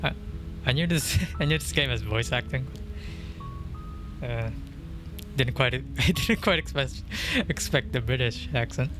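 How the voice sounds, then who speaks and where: At a measured pace and medium pitch, a young man rambles through casual chat on a gaming livestream. Fillers and frequent chuckles fill his talk, recorded at home on a dynamic mic as game music plays.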